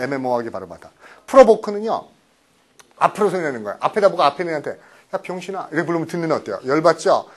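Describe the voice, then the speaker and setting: A middle-aged man from Korea teaching English vocabulary in a classroom lecture, acting out phone calls to make his points. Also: on the high side. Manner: lively, acts out phone calls and quoted voices.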